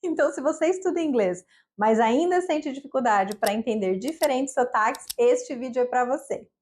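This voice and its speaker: A woman's voice: high-pitched, lively intonation, normal speed, a little mellow. A woman from Brazil, an English teacher, giving an upbeat, conversational lesson straight to the camera.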